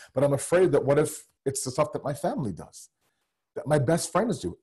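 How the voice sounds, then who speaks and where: Earnest man preaching, dark husky voice. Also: mid-range voice. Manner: earnest, rhetorical questions, acts out doubting voices. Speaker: religious lecturer. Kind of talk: sermon to online audience.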